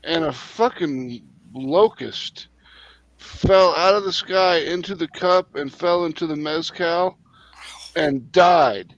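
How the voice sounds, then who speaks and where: Man, slow talker, slightly high voice, dull dry lo-fi mic, laughs along. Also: dry recording. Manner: laughs often, drawn-out telling. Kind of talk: casual chat, storytelling.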